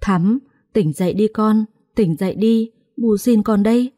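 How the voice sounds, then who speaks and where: A woman's voice: quick pace, dark tone, no room sound, studio quality, natural voice. A woman voicing an older head wife in a family drama story, wailing and defensive. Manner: wailing, shrill when crying.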